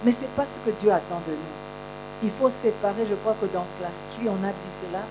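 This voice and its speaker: A woman's voice: medium pitch, normal speed. A woman from Kinshasa with a Congolese French accent, addressing a church gathering as a guest minister's wife, fervent and repeating phrases for emphasis. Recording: mains hum and electrical buzz.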